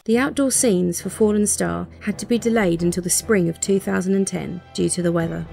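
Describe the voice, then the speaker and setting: Eine Frau spricht gleichmäßig und gemessen einen geskripteten Dokumentarkommentar. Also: female voice, on the low side, creaky. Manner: even, measured. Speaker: documentary narrator. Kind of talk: scripted narration. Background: music.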